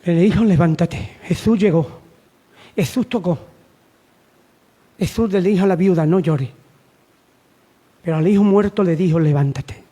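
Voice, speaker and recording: A man's voice: high-pitched, fairly even intonation, normal speed, long pauses, dark tone. A man from Spain preaching a sermon, urging his listeners with repeated lines and rhetorical questions. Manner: repetitive, exhortative, rhetorical questions.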